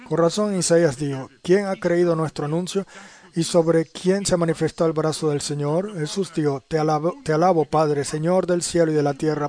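A man's voice: fairly high pitch, a little mellow. A man preaching a sermon in earnest tones, often putting rhetorical questions to his listeners.

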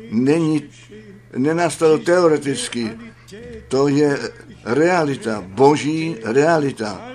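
A man preaching a sermon to his congregation, reading scripture verses slowly and solemnly. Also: fairly high pitch, darkish tone.

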